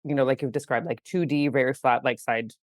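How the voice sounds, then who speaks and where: This chatty Greek woman, a game studio CEO, is a guest on a casual podcast interview, laughing readily and filling her speech with "like" and "you know." Her rumbling low voice comes at a brisk pace, caught on a dry close mic.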